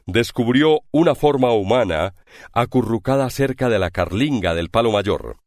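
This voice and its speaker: A man narrating an adventure novel with a measured, expressive reading. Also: mid-range voice, dry recording, clean studio sound. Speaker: audiobook narrator. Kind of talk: scripted narration.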